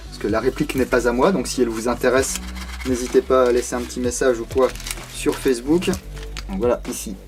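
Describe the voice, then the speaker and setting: A man's voice: mid-range voice, fairly even intonation, brisk, darkish tone, soft background music. A man hosting his own video, reviewing a collectible replica in a casual, unscripted way, chatting with many hesitation fillers and self-deprecating asides.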